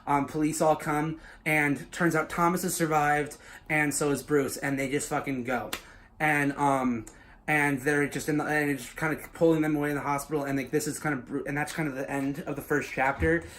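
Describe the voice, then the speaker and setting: A man casually pitching his own story as a YouTuber, loose and swearing, full of filler words. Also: little pitch movement, moderate pace, a bit bright, a little hiss or hum.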